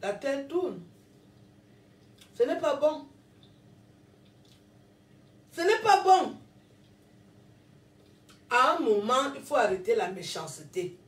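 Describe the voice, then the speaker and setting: A woman's voice: high voice, very animated, slow pace, pauses often, echoey room, distant mic. A woman with a Cameroonian French accent, ranting to her followers, scolding and repeating herself, laughing between lines. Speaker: social media personality. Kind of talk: self-filmed rant to followers.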